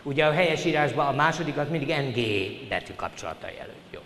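Lively older man lecturing in a reverberant hall. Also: a little high. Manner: polite formal address to students, lively emphasis. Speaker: university lecturer. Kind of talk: formal classroom lecture. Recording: reverberant hall, faint hiss.

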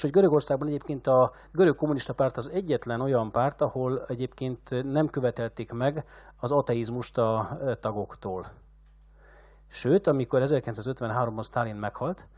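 A man's voice: medium pitch, a little mellow, dry recording. A man giving a literature lecture, hesitant and full of filler sounds.

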